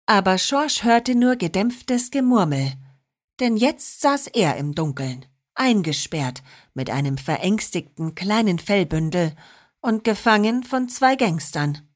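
Husky, animated female storyteller. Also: mid-range voice, unhurried. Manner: expressive, playful. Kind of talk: scripted narration of a children's story.

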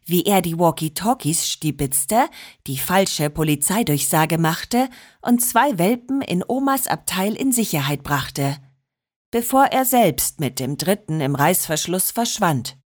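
Rich: A woman reading a children's story aloud, taking her time over every phrase. Her voice moves up and down with lively expression. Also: fairly low pitch. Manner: expressive, unhurried. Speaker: narrator.

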